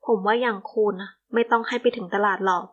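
A woman's voice: on the high side, steady tone, fast talker, lo-fi sound, natural voice. Storybook: woman doing a mocking young male boss, dry and teasing.

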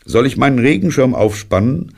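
A man voicing a cheerful, eager young boy in an audiobook, speaking in bright, keen bursts. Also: mid-range voice, expressive, fairly quick, gravelly, pitched above the performer's own voice. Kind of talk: audiobook character reading.

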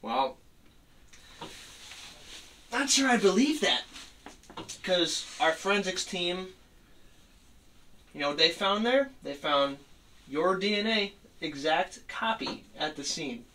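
A man playing a tough cop interrogating a suspect, pressing and skeptical in a halting delivery. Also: high-pitched, animated, pushed and bright, full character voice. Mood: stern. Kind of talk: amateur acted interrogation scene. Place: small room, camera across the room. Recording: distant mic, noisy room.

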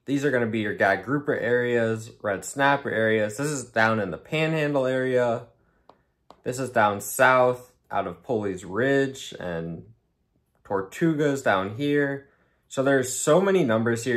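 A young man hosts a fishing vlog, chatting in an upbeat way about his tackle, gear and favorite spots. He speaks at a measured pace with a medium-pitched voice, and the sound is clean studio quality with no echo. The setting shifts between an open boat on the sea and an indoor room.

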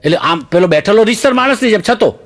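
A man telling stand-up jokes in an animated way, laughing through his punchlines and dropping in English phrases. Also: sits high, quick pace. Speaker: comedian.

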